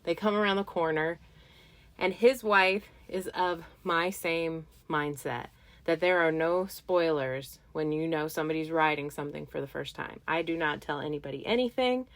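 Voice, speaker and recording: Playful woman telling a funny story. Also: normal speed. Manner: playful, animated, jumps into high squeaky voices. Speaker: podcast host. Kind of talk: casual storytelling.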